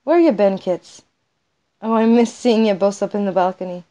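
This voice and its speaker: A woman voicing a flamboyant vaudeville star who owns a theater, loud and gushing in a theatrical way. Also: mid-range voice, normal speed, natural voice. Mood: doting.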